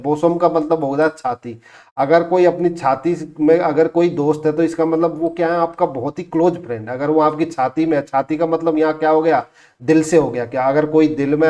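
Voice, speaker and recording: Male teacher, a bit high-pitched, asks and answers his own questions, repeats key words. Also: darkish tone. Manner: slows down to spell out English phrases. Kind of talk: exam-prep lesson.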